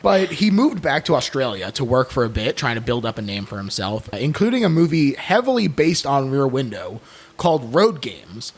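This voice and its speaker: A man guest on a horror film podcast, telling film history in an animated way with playful asides. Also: medium pitch, moderate pace. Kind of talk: casual film podcast chat.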